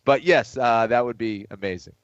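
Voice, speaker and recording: A man co-hosting a sports podcast, explaining fight tactics in a measured way. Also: mid-range voice, smooth, no room sound, highs cut off. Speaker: podcast co-host, fight analyst. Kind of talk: casual sports analysis.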